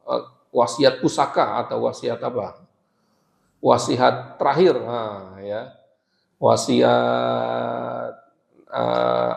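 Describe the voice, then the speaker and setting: A man's voice: medium pitch, vocal fry, darkish tone, reverberant. A man teaching a religious study session, explaining step by step with rhetorical questions and a habit of adding "ya" after each point. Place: mosque during a retreat.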